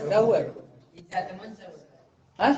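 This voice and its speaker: Heard from a distance in an echoey classroom, a man who teaches Hindi and Sanskrit grammar draws out his words as he makes students repeat the rules back to him. The lo-fi recording carries crowd noise.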